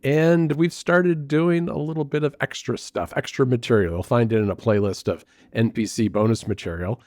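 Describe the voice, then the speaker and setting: A man co-hosting a casual podcast chat, relaxed and wry, talking from a quiet room into a studio mic. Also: medium pitch, normal speed, no room sound. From United States. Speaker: podcast co-host.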